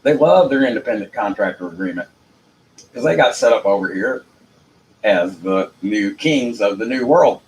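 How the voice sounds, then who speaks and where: Southern us guy rambling on, lowish voice, folksy and unpolished, bit of noise behind him. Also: lively intonation, moderate pace, a little mellow, highs cut off. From Jacksonville, United States. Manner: folksy, unpolished, repeats phrases for emphasis. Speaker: amateur legal commentator. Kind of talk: informal rambling monologue. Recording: noticeable background noise.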